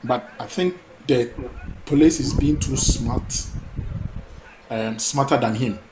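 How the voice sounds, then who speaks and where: A man's voice: medium pitch, slow, noisy background. A man from Ghana calling in to a talk show, speaking earnestly with hesitations and fillers. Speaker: caller. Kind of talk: call-in talk.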